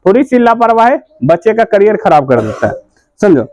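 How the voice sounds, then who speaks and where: In a class lesson, a man with a Bihari accent teaches a story, firing off quiz questions that he answers on his own and going over key points again and again. His voice is high-pitched and darkish, swinging widely in pitch at a moderate pace.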